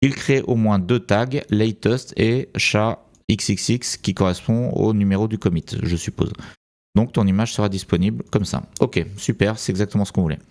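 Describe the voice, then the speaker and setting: A man's voice: fairly low pitch, normal speed, darkish tone. A man with a French accent talking through a screen-recorded tutorial, thinking aloud and hesitating with many fillers. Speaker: tutorial presenter.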